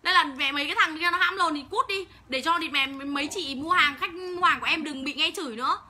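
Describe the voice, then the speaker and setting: A young woman sells clothes on a livestream, swinging between quick sales patter and profane, angry ranting. Her voice is high and piercingly bright, and she talks fast. Faint room noise sits behind her. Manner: rapid sales patter calling out buyers' names. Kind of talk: livestream selling, ranting at viewers.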